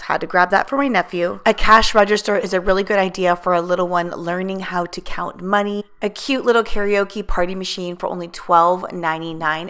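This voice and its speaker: A woman's voice: on the low side, a bit bright, clean tone. Upbeat woman narrating a shopping vlog. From United States. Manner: upbeat, enthusiastic deal-hunting. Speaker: vlogger.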